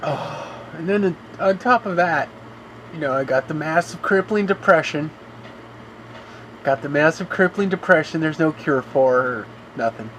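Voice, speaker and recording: A man's voice: fairly high pitch, measured pace, fairly bright tone, a little hiss or hum, poor audio. A man streaming a game live, rambling through long complaints and often saying "you know". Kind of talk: live gameplay commentary.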